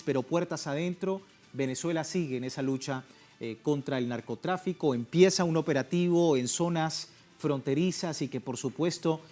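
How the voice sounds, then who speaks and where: A man's voice: fairly high pitch, a little mellow. A man presenting a news and interview programme as its host. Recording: music playing behind the voice. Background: music.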